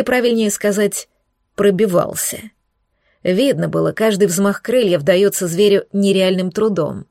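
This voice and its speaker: A woman reading first-person fantasy narration in a lively, wry, expressive way. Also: mid-range voice, no room sound, studio quality. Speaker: audiobook narrator.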